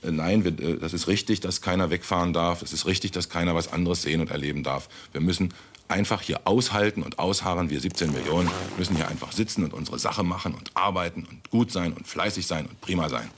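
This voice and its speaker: An embittered radio-play figure who rants fast and low. His deep voice is husky, and his words tumble out in exasperation. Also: a bit bright. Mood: exasperated. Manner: rushed, exasperated ranting. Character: embittered man fed up with a confined life.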